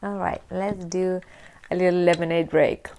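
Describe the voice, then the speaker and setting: A woman's voice: lowish voice, level tone, normal speed, a little mellow, a little hiss or hum. A woman, chatting candidly to camera as a vlogger and laughing often. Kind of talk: casual chat to camera.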